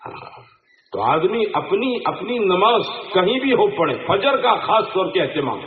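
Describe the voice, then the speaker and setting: A man's voice: sits high, big pitch swings, measured pace. A man preaching an Islamic sermon to a gathering, often putting questions to the listeners. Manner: asks the crowd rhetorical questions. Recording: tinny phone-like sound in an echoey room.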